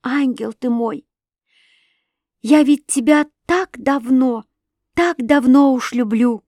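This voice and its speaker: A woman voicing an impulsive, proud young princess who talks emotionally and bursts into excited outbursts. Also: high voice, takes it slowly, no room sound, clean studio sound, voice pushed up. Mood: tender. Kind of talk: audiobook reading.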